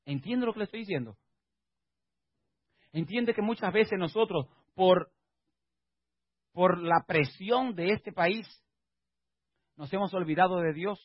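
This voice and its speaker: Male pastor preaching, high voice, husky, emphatic, rhetorical questions, dull dry lo-fi recording. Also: a little slow, long pauses, no room sound. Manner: rising to emphatic exhortation. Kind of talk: sermon.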